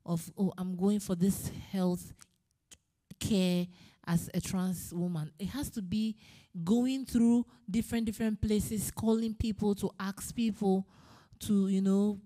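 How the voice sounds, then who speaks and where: Brief: woman from Ghana, panel guest, mellow and relaxed timbre, earnest with restarts. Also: mid-range voice. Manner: earnest, personal, halting with restarts. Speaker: panel speaker. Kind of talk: panel discussion. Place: conference room.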